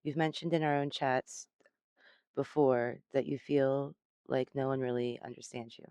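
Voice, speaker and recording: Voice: mid-range voice, fairly even intonation, moderate pace, warm tone, clean tone, dry recording. A person interviewing an AI in a casual, rambling way, often laughing and swearing. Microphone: close personal mic at home.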